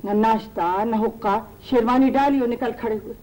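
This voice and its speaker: An actress as a fretful genteel matriarch. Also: female voice, fairly high pitch, normal speed, dark tone, natural voice, low-quality recording. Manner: fretful and bickering. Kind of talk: 1980s TV drama acting. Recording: old TV drama audio, light noise.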